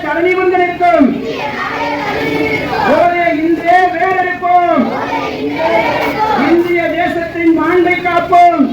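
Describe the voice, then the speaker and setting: A man's voice blares through a megaphone somewhere down the street, very high and strained as he shouts slogan after slogan in a flat, slow, repetitive chant. The sound is distant, booming and lo-fi, and a loud crowd and traffic noise press in around him. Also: heavy reverb. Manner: shouted call-and-response chanting. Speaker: rally slogan leader. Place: outdoor street march.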